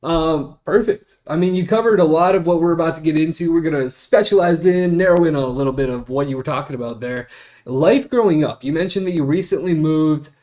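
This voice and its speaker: A podcast host with a slightly high, somewhat mellow voice interviews a guest over a video call. He speaks fairly quickly in a casual, easygoing and candid way.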